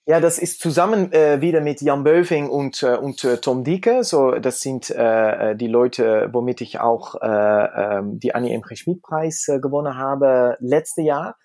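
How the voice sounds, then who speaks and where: A Dutch man in a relaxed conversational interview, with a medium-pitched voice and a Dutch accent. He speaks as a guest, feeling his way through sentences and searching for words. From Netherlands. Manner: halting, searching for words in German. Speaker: cabaret performer, interview guest.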